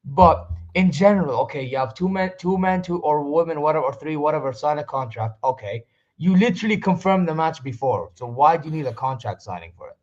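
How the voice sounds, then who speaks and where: A man's voice: a little high, lively intonation, a little fast, dull audio. A man chatting casually as a wrestling fan co-host, slangy and repetitive, often saying bro. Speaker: wrestling talk show co-host. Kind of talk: casual chat, fan debate.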